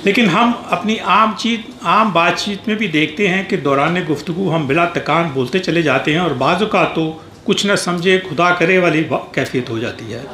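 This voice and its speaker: Male memorial speaker with a high-ish voice, formal and measured delivery of a prepared tribute, echoey hall. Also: pushed and bright. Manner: measured, formal reading with small restarts. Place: reception hall at an embassy. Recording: echoey hall with faint background noise.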